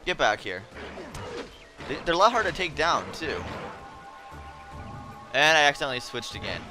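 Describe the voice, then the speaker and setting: A man's voice: fairly high pitch, sing-song, moderate pace, over music. A man giving casual, chatty game commentary as a let's play host, wry and easily annoyed.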